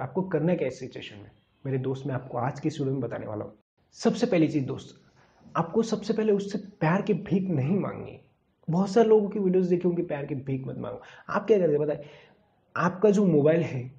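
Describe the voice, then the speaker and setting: A man's voice: on the high side, warm tone, muffled recording. A man giving earnest, preachy relationship advice straight to his viewers, repeatedly calling them his friend. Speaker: love advice vlogger. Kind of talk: direct-to-camera advice talk.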